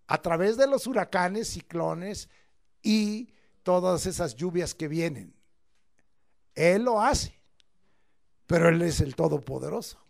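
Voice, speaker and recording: Slow, high-voiced preacher man. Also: gravelly. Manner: emphatic, swings between loud declamation and low asides; stretches key words slowly for emphasis. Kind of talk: sermon. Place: church service.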